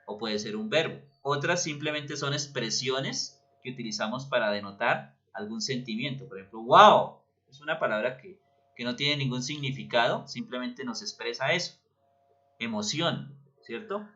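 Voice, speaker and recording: A man's voice: mid-range voice, moderate pace, bright, forceful tone. A man teaching a grammar lesson, patiently explaining and often checking that students follow. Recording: dull lo-fi recording.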